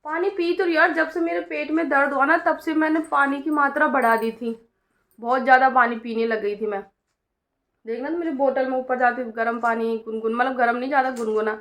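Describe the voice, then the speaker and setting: A woman's voice: sits high, steady tone, fairly quick, fairly bright tone. A middle-aged woman, chatting homely to camera in a vlog and often tagging questions to her viewers. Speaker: family vlogger. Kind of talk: casual vlog narration. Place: city streets and home.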